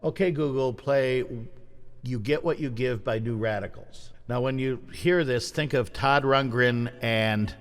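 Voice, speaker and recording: A man's voice: mid-range voice, measured pace. A man co-hosting a podcast, chatting casually about movie soundtracks and rattling off songs and their writers. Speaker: podcast co-host.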